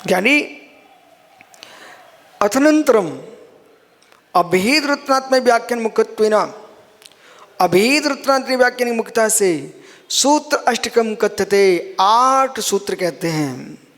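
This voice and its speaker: A man's voice: high-pitched, lively intonation, slow pace, long pauses, fairly bright tone, big-room sound. A man, a Jain monk, giving a sermon, explaining scripture line by line and calling his listeners son and brother.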